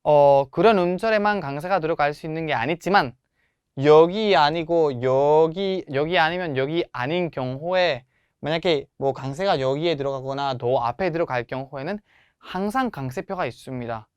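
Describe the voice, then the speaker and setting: A young man teaches pronunciation patiently and encouragingly, leaning hard on stressed syllables as he models each word. His voice sits a little high and sounds smooth and resonant. The recording is dry and close. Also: normal speed, no room sound, muffled recording. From Spanish-speaking country. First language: Spanish. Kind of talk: friendly language lesson.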